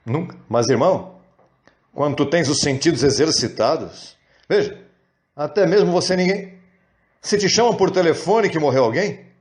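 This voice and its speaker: A man preaches with real animation. His voice sits fairly high, and he stretches words out for emphasis. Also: normal speed. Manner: animated, acts out quoted prayers in high wailing voices. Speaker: pastor. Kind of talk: sermon.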